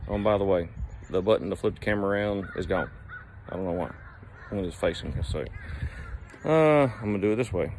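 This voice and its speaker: The owner of a plumbing company, his back sore from heavy lifting, records a casual selfie vlog on a phone held at arm's length outside by a brick building. His slightly low voice moves fast in an easygoing, rambling way full of fillers. Faint outdoor sounds, an occasional bird call and a little hiss or hum sit behind him.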